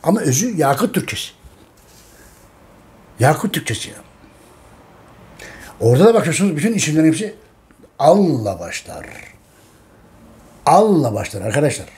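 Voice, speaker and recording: Turkish man, channel host, lively pitch, repeats himself emphatically. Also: normal speed, pauses often. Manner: repetitive, addresses listeners as friends, emphatic. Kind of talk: casual monologue to viewers.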